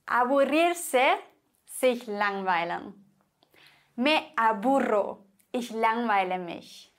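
A young woman teaching Spanish vocabulary in a slow, deliberate way, repeating each word and giving its meaning. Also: fairly high pitch. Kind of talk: slow, clearly spoken vocabulary lesson.

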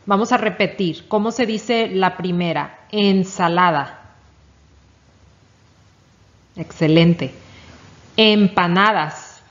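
A woman leads a children's reading lesson at an unhurried pace. She is patient and encouraging, asking questions and praising each answer. The recording has a slightly dull, lo-fi quality. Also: mid-range voice. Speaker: teacher.

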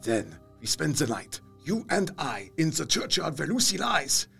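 A man playing a grave, earnest older professor and vampire hunter in an audio drama, with creaky voice, quaint foreign phrasing and dramatic delivery. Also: on the high side, big pitch swings, a little slow, bright, forceful tone, faint music behind, heavily acted. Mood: grave resolve.

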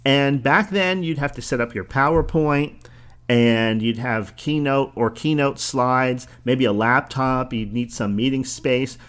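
A middle-aged man with a New Jersey accent talks through his solo podcast, casual and conversational. He wanders into asides and corrects himself mid-thought. His voice sits in an ordinary middle register. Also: mid-range voice. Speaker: podcast host.

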